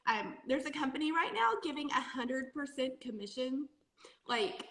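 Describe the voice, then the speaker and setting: Woman podcast co-host, bright tone, slightly high, casual and animated. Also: normal speed, echoey room. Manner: animated, emphatic, laughs often. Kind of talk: casual chat.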